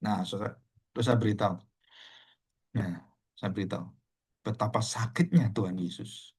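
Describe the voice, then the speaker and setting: Brief: middle-aged pastor, husky voice, chatty sermon that keeps turning to the congregation. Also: male voice, lowish voice, fairly even intonation, normal speed, a little mellow. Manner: conversational, addresses listeners as "saudara".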